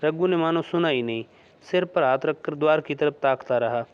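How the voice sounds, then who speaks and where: A man reading a classic short story aloud in a measured storytelling manner. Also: on the high side, smooth. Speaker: story reader. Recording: dull lo-fi recording.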